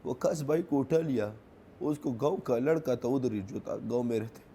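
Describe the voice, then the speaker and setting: A young grieving man with a Pashto accent, a native Pashto speaker, recounting events in an interview in halting, broken phrases that repeat themselves. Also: mid-range voice, warm tone, a little hiss or hum. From Khyber Pakhtunkhwa, Pakistan.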